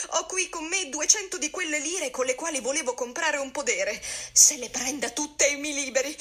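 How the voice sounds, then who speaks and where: A gullible man whines and wails, his voice pitched high and thin with distress, as a woman narrator puts him on. He pleads and frets. It is a storybook telling. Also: bright, forceful tone. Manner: whiny, wailing. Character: gullible whining man, panicked and tearful.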